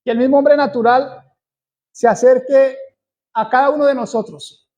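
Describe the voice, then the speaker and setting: A man from Colombia preaching a sermon, slow and deliberate, repeating key phrases for emphasis. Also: extremely high pitch, steady tone, darkish tone.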